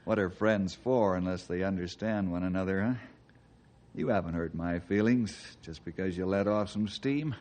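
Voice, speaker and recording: An actor playing a calm, kindly, confident Western ranger in an old-time radio drama, with a folksy, earnest, reassuring manner. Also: male voice, low voice, normal speed, lightly acted. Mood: calm, determined.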